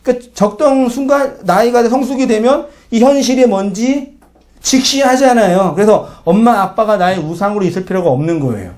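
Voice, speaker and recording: Man, pastor, sermon, fairly high pitch, chatty preaching, questions to the congregation. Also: a little fast, darkish tone. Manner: acts out short quoted lines in changing voices.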